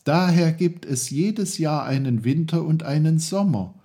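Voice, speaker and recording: A man voicing an eager, curious young boy in a storybook reading, excited and full of questions. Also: fairly high pitch, slow, slightly rough, pitched above the performer's own voice, heavily acted.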